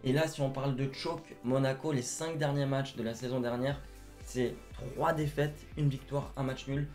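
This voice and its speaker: A young man co-hosting a casual football chat, talking fast and directly to viewers. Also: mid-range voice, steady tone, a little mellow, faint music behind. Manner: chatty, addresses viewers as "les gars". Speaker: football channel co-host.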